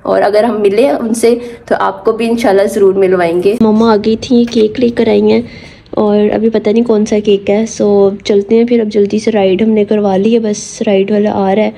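A young woman talks to her phone, held at arm's length, in a casual vlog about her day, slipping English words into her speech as she moves between home and an auto-rickshaw. Her mid-range voice is flat, creaky and moderately paced, and she keeps it hushed, almost whispering, indoors.

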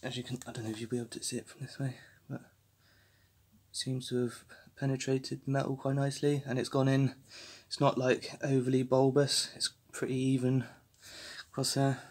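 In a mid-range voice with slight background noise, a twenty-something man films himself on a handheld phone doing car repairs in his home garage. His casual workshop narration as a restoration vlogger is easygoing and rambling, full of fillers and restarts.

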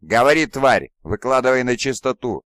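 A man's voice: on the low side, expressive, normal speed, dry recording. A furious, arrogant demigod warlord, voiced by a man reading an audiobook, bellowing in a raised, strained voice. He spits contempt at those beneath him and demands obedience. The read is dry and close. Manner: imperious, raging, contemptuous shouting. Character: arrogant wrathful demigod warlord, male, towering.

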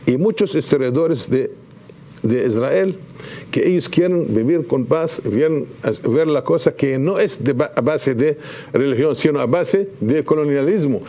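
Guest spot: fiftyish man, fervent and halting, fairly high yet mellow voice, lapel mic in a TV studio. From Palestine. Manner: impassioned, gesturing, halting restarts. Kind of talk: TV studio interview. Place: TV news studio.

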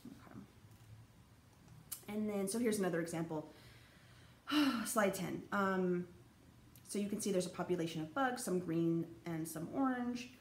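Speaking a little slowly in a lowish voice, a young college anthropology instructor gives a casual lecture over slides that rambles, with many fillers and restarts. There's echo and faint noise in the background.

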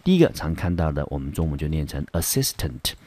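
A man's voice: extremely low pitch, very animated, fast, dark tone. A man with a Taiwanese Mandarin accent teaching English vocabulary in a classroom lesson. He explains patiently and keeps starting his sentences with a filler word.

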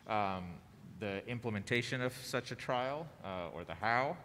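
Bright-voiced man presenting through a face mask. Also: on the low side, animated, unhurried. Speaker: conference presenter. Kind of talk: conference talk introduction. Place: large indoor presentation room. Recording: reverberant hall, clear background noise.

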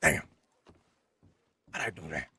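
A man improvising casually in a game roleplay, hesitant and stammering, repeating his words, with a gravelly, husky voice. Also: slow, sharp tone.

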